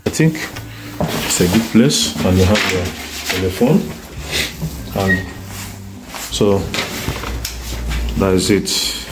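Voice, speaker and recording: A man from Nigeria filming a flat on his phone, pointing out each room in a slow, halting way. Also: low-pitched, very noisy. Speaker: tenant viewing a flat. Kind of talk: casual home tour on phone video. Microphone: phone camera.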